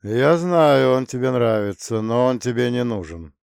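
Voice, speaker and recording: A man voicing a cold, menacing male spirit of death, speaking slowly and ominously in a storybook. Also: mid-range voice, expressive, creaky, a little mellow, clear, resonant tone, dry recording, studio quality.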